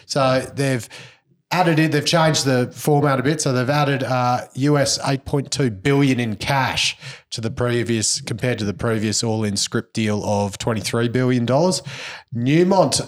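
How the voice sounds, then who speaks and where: A man's voice: mid-range voice, unhurried. Laid-back Australian man hosting a podcast. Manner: laid-back, blokey, slangy. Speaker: podcast host. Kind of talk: casual chat and news recap.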